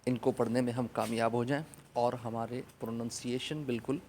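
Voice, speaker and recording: A man with a Pakistani accent teaching an online English class to children, saying each vocabulary word loudly and repeating it for them to copy. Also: mid-range voice, flat delivery, noisy background. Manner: opens with an Arabic prayer, then explains in Urdu.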